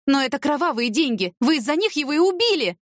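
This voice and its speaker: An excitable young woman in trouble who blurts out anxious exclamations, as a woman reads her part. Her pitch leaps about, and the recording is dry. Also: quick pace, dry recording. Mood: shocked.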